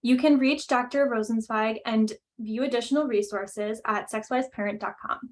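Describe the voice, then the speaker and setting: A woman's voice: on the high side, steady tone, moderate pace. A woman hosting a webinar over a video call, reading out a speaker introduction in a friendly way with frequent "um" fillers. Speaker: webinar host and coordinator.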